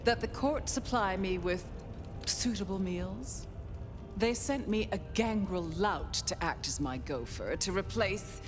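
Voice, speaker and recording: An actress playing a haughty, eccentric ancient vampire in a video game, languid and condescending, given to dreamy reverie. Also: female voice, medium pitch, expressive, a little slow, over music, close to an everyday voice. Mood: imperious, disdainful. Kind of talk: dramatic video game acting.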